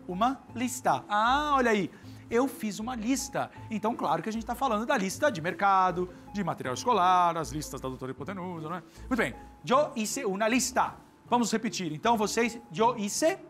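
A showy, high-pitched language-teaching doctor. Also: male voice. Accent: Brazilian Portuguese. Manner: animated, drawn-out words, playful calls to kids. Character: cheerful, theatrical male doctor who teaches languages. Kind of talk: scripted children's TV teaching.

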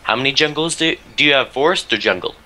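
A man's voice: mid-range voice, expressive, fast, pushed and bright, a little hiss or hum. A young man chatting casually during an online multiplayer strategy game, joking, teasing and swearing while talking through a headset. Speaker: multiplayer gamer. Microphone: headset with earphones.

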